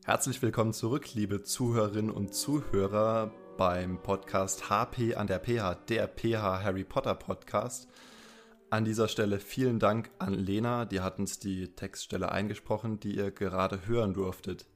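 A man's voice: on the low side, steady tone, normal speed, faint music behind. A man hosting a podcast in casual chat, explaining things at length with fillers. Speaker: podcast host.

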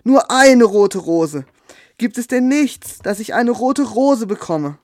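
Small brave nightingale, high pleading voice, slow and earnest, storybook, man putting on a voice, dry close sound. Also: very animated, a little mellow, no room sound. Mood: desperate.

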